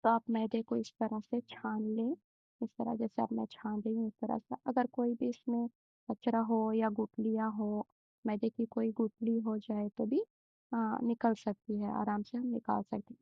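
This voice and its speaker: A young woman talks through a recipe slowly and gently, pausing often. Her fairly high voice stays flat and carries a gravelly fry. The recording is dry and muffled, as if from a home kitchen. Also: no room sound. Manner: slow, gentle, many hesitations. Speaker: home cooking channel host. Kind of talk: step-by-step recipe demonstration.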